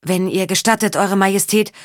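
A woman's voice: mid-range voice, fairly even intonation, moderate pace, no room sound, studio quality, natural voice. A woman voicing a nervous young man in an audiobook, speaking hesitantly and earnestly. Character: nervous young male faun-named commoner.

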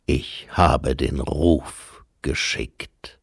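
A man voicing Death, a solemn, calm skeletal being, speaking slowly and in a hushed, grave way. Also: extremely low pitch, gravelly, husky, no room sound, studio quality, pitched below the performer's own voice, exaggerated voice. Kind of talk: audiobook character voice.

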